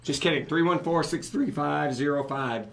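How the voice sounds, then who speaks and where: Cracking jokes and rambling casually, this male co-host of a live podcast is clearly losing his voice. It sits on the high side, carries vocal fry, and moves at a moderate pace.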